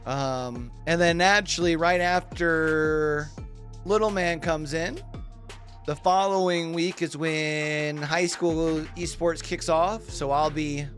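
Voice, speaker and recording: A high-voiced man hosting a live watch party, chatting easily with his chat and greeting viewers by name. His voice comes through a livestream headset mic, with faint music playing underneath. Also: fairly even intonation, slow pace, a bit bright.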